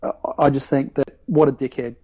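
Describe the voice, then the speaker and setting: A man on a podcast panel, talking haltingly with many ums and uhs. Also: mid-range voice, fairly even intonation, dark tone. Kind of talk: casual chat.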